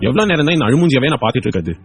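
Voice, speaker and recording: A man's voice: mid-range voice, sing-song, racing, breathy edge, soft background music. A man voicing a loving young husband in a hospital bed, playful and coaxing. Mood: tender. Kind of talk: audio drama acting.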